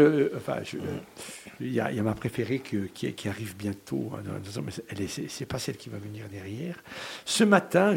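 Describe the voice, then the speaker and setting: Gravelly radio host. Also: male voice, mid-range voice. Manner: lively storytelling with many hesitations. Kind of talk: chatty radio talk.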